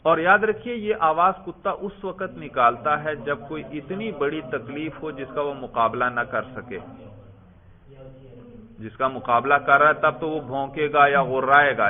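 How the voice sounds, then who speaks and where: A male teacher giving a classroom grammar lesson, explaining patiently, repeating key words and quizzing his students. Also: on the high side. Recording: tinny phone-like audio.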